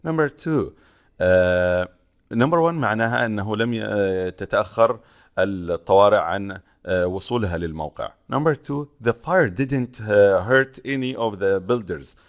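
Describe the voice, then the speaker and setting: Low-voiced man teaching English step by step. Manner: reads each English line slowly, then translates with frequent "uh" pauses. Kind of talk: bilingual lesson, reading English and explaining in Arabic.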